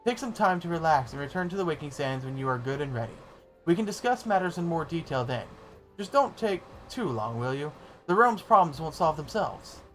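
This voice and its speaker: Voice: medium pitch, animated, a little fast, a little hiss or hum, voice pushed up, natural voice, low-quality recording. A streamer voicing a suave, roguish male adventurer from a fantasy game, reading dialogue aloud in a theatrical, old-fashioned way. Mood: wry, flattering.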